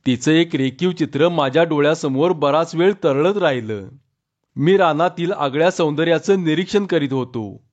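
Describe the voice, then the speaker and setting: A man narrating a rural story in calm, unhurried scripted narration, in a dull lo-fi recording. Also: fairly high pitch.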